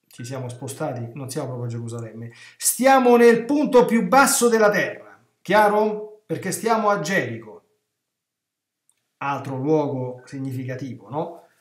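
Animated priest preaching in a roomy space. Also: male voice, a little high, measured pace. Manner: animated, emphatic, with rhetorical questions to the listeners. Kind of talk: retreat sermon. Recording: roomy echo.

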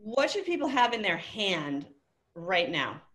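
A woman's voice: mid-range voice, big pitch swings, a little slow, a bit bright. A woman hosting a virtual office meeting, upbeat and directive as she rallies the attendees over a video call. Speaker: meeting host.

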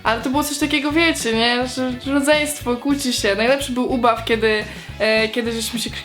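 A woman's voice: fairly high pitch, steady tone, fairly quick, a bit bright, soft background music. A young woman answering viewer questions in a casual vlog, chatty and hesitant, with many fillers and restarts.

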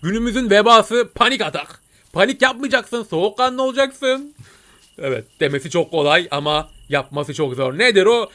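A man voicing an excitable, jokey male cartoon cat who comments on a game and talks to his viewers. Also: sits high, moderate pace. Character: chatty male cartoon cat gamer, jumpy. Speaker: gameplay commentator. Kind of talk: let's-play commentary.

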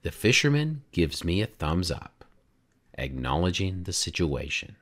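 A man in his forties, the channel's host, narrating a documentary voice-over in a measured, explanatory way with rhetorical questions. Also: deep voice, very animated. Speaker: drone videographer and channel host. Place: home studio room, indoors.

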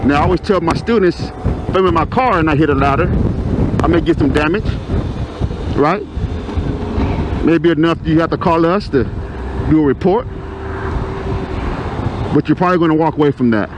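A middle-aged Texan man coaching riders as he rides a motorcycle through traffic, his fairly high voice picked up by a helmet mic. He talks casually, walking through each move he makes. Loud road and engine noise roars behind him. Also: moderate pace, pauses often. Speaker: motorcycle riding instructor. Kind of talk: ride-along instruction vlog.

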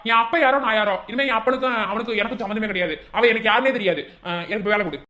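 A woman voicing a pushy young man in a cartoon who demands a job, with a Madurai Tamil accent and a fast, bantering manner. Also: fairly high pitch, pushed and bright.

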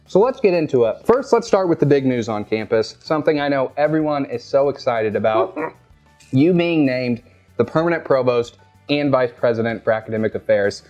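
A man's voice: medium pitch, expressive, normal speed, darkish tone, muffled recording, faint music behind. A young man hosting a casual campus interview show, upbeat and chatty as he eats wings. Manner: upbeat, talks with mouth full. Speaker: host. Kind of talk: casual interview over food.

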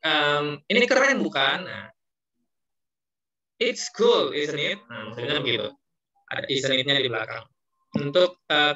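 Male teacher, patient explainer, bright voice a touch high, muffled online audio. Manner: explains patiently, mixing in spoken English examples. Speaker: English teacher. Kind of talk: online class lecture.

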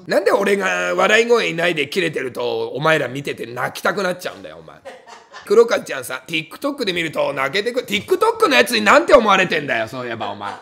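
Male comedian streamer, high gravelly voice, reads chat and fires back angry comic rants. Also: wildly swooping pitch, fast. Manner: snaps back at each comment with angry comic retorts; bursts into loud high laughs.

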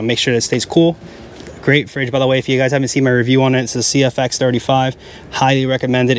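Fast-talking man touring a tent. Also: medium pitch, a little hiss or hum. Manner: chatty, explaining as he points things out. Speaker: camping vlogger giving a tent tour. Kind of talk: casual walkthrough. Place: inside a large tent at a wooded campground. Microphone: handheld mic in hand.

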